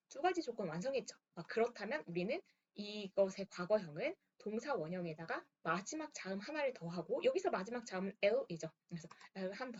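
A woman's voice: mid-range voice, slight background noise. A woman teaching English grammar, walking step by step through exercises and checking in with her students. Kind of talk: lesson walkthrough. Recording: dull lo-fi sound.

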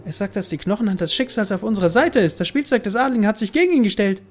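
A man's voice: high-pitched, expressive, fast, soft background music, pitched above the performer's own voice. A man voicing a timid, astonished young girl in a video game, speaking in a hesitant, wide-eyed way. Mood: excited. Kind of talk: acted video game dialogue read aloud.

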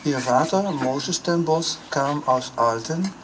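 A man's voice: on the high side, animated, slow pace. Older man speaking at a ceremony. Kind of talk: formal address at a memorial ceremony. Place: outdoors on a town street. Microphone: handheld mic. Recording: street noise outdoors.

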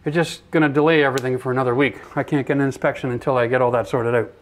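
A man's voice: medium pitch, steady tone, racing. A middle-aged man hosting a DIY renovation video, chatty and upbeat, explaining his work in a gutted bathroom. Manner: upbeat, chatty, swears and laughs freely. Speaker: renovation channel host. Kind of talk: casual DIY walkthrough.

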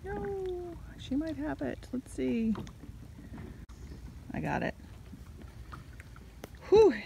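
A middle-aged woman chats away while she paints from a kayak out on a lake, thinking aloud and laughing at her own struggles. Her voice has a gravelly edge. She sounds warm from the sun and a bit winded, with a soft hiss of open-air noise behind her phone mic. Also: mid-range voice. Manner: chatty, self-deprecating, thinking aloud. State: hot, slightly out of breath. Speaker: watercolor artist. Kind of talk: casual chat while painting. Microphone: phone camera held in hand.

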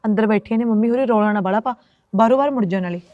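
In a comic web series, an actress voicing a young wife scolds her husband in rapid village-style chatter. Her pitch is fairly high. The audio comes from a phone, dry, muffled and lo-fi.

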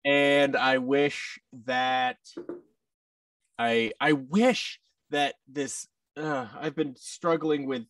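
A man in his thirties, an audio drama creator appearing as a podcast guest, chats casually over a video call from an indoor room. He's animated and acts out quoted exchanges in a voice on the high side, speaking extremely slowly. The sound from his boom-arm microphone with headset is studio quality with no echo, though the mic seems distant.

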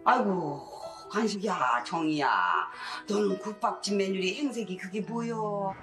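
A woman's voice: mid-range voice, lively intonation, unhurried, music in the background, natural voice. An actress playing a disapproving older mother-in-law in a TV drama, tutting and scolding.

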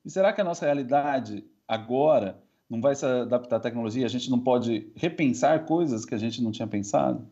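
A man's voice: medium pitch, a little fast, hardly any pauses, warm tone. Brazilian man, 30s, reflective guest expert on a muffled video call. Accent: Brazilian Portuguese. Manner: thoughtful, musing, many hedges and restarts. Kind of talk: reflective interview answers. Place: home room.

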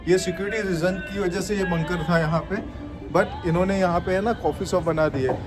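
A man from Gujarat, India, shows viewers around as he walks and keeps urging them to look. His voice sits a little high and he speaks into a camera held at arm's length. Music plays clearly behind him. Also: fairly even intonation, fairly quick. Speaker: travel vlogger. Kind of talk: walking tour vlog to camera. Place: underground cafe, then outdoors on city streets.

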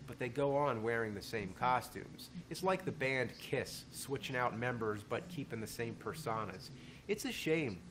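A man's voice: mid-range voice, fairly bright tone, a little hiss or hum, poor audio. A man narrating a video essay in a conversational way, with wry asides. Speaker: commentator.

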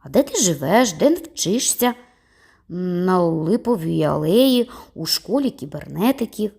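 A woman reading a children's story aloud, voicing the characters in livelier, higher tones. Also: unhurried, creaky, slightly rough. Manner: lively, voices characters with raised pitch. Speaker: audiobook reader. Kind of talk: storybook narration with voiced dialogue.

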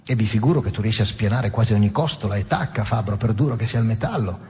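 A man's voice: on the low side, fast, a little mellow, slight background noise, lightly acted. A man reading aloud and voicing an obsessed, grim old male sea captain who questions intensely. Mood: fierce. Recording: dull recording in a long-reverb hall.

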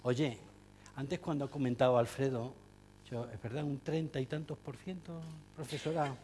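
A man's voice: medium pitch, fairly even intonation, moderate pace, a little mellow, a little hiss or hum. A man giving an ironic, joking talk to teachers, full of asides and fillers. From Spain. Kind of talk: humorous lecture to an audience.

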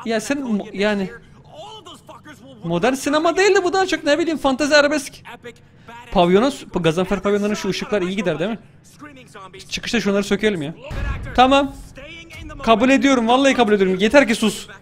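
A young man casually commenting on his gameplay, joking around and shouting excitedly at the action. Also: high-pitched, a little fast, long pauses. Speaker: gaming YouTuber.

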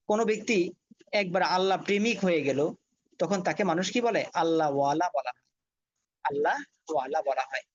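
A man's voice: on the high side, dry recording, highs cut off. A man teaching a Quran reading lesson, patiently spelling out letters and syllables one by one. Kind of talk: recorded lesson.

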